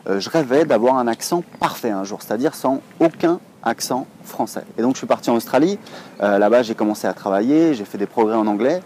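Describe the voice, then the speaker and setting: French guy in his 30s vlogging outside in the city, mellow low-key voice, lots of ums, faint street noise. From France. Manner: chatty, rambling, many hesitations. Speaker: online English teacher, blogger. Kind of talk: casual to-camera vlog.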